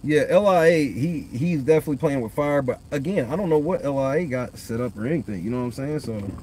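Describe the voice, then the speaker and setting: Speaking fast and expressively, this thirty-something livestream host has a medium-pitched, slightly mellow voice. He rambles loosely and profanely in casual chat, sitting in a parked car at night with his phone on the dashboard. There's a faint hiss or hum.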